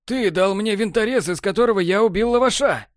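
Desperate, betrayed male stalker, voice pushed high and tight, as a male narrator acts him out. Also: animated, normal speed, clear, resonant tone, no room sound, clean studio sound. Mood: anguished. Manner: raised, strained, high-pitched outcries. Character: shocked, desperate male stalker, young adult.

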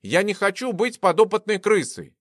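A man reading an audiobook and voicing a jumpy young man who turns shrill and panicked. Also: sing-song, moderate pace, a bit bright, dry recording, studio quality. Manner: plain at first, then shrill and panicked.

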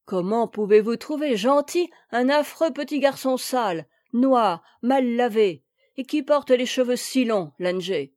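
Lady reading as a grumbly bossy maid, a touch high, complaining, storybook. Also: animated, a little slow, a little mellow, no room sound, clean studio sound. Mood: scolding. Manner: scolding, complaining. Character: fussy scolding grown woman maid.

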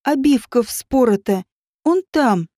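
A woman's voice: high-pitched, lively intonation, slow pace, dark tone, no room sound, studio quality. A woman voicing a panicky young woman. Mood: panicked.

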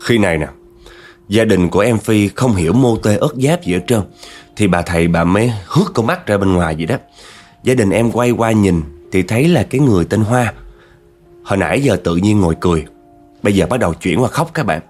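A man's voice: on the low side, animated, a little fast, a little mellow, faint music behind. A man telling a spooky story in a chatty way, talking straight to his listeners. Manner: chatty, addresses listeners directly. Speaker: horror storyteller.

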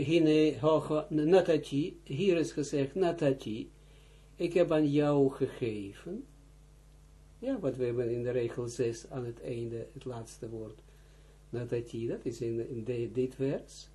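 A male rabbi leads a slow text study, reading out Hebrew and Aramaic phrases and explaining each one. His voice sits high for a man but sounds dark and a little husky. He restarts phrases often and keeps urging listeners to pay close attention. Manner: reads Hebrew and Aramaic phrases, then explains them in Dutch; halting, with restarts. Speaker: rabbi teaching Zohar. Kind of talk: line-by-line text study lesson.

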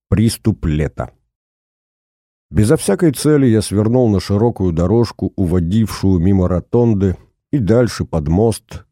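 Низкий мягкий мужской голос чтеца. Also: male voice, lowish voice, dark tone, no echo, clean studio sound. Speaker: audiobook narrator. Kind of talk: first-person audiobook narration.

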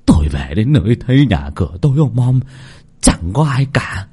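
A man's voice: medium pitch, very animated, normal speed, dark tone, husky. A man voicing a panicked middle-aged son who stammers and wails, in a storybook reading. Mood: sobbing. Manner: stammering, wailing.

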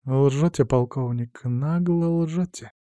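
A man voicing a vengeful young woman who speaks slowly and mockingly, with quiet menace. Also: medium pitch, no room sound, pitched above the performer's own voice, close to an everyday voice. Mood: cold menace.

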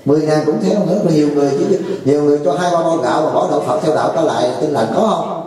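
Monk, folksy, echoey hall. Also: male voice, fairly high pitch, very fast, dark tone, distant mic. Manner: folksy, joking, asks the audience questions. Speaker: Buddhist teacher. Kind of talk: dharma talk to a retreat.

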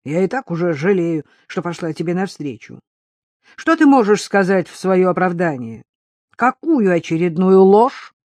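A woman's voice: on the low side, animated, moderate pace, darkish tone, dry recording, natural voice. A woman reading aloud, voicing a rude young woman who accuses others harshly and scornfully.

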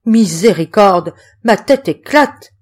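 A woman voicing a hungover, grumbling middle-aged male roadman who whines and complains loudly in an audiobook. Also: lowish voice, animated, moderate pace. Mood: grumbling, complaining. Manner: whining, complaining, loud.

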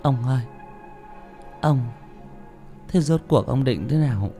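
A man's voice: mid-range voice, animated, slow, mellow, faint music behind, voice pushed up. A man voicing an anxious elderly wife who pleads with her husband in a worried voice, in an audiobook.

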